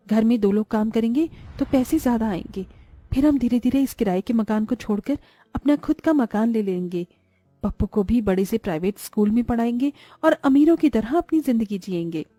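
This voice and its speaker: In a cartoon moral tale, a woman voices a young wife who is greedy and envious, sounding scheming as she nags in a sharp-tongued way. Her pitch is fairly high with a soft edge. The recording is close and dry, set over music.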